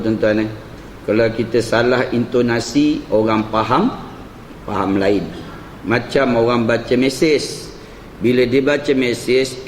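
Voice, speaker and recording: Ustaz preaching slow and high, long echo off the mosque hall, faint hum behind. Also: male voice. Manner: addresses the congregation often, plays with intonation. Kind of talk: evening mosque lecture.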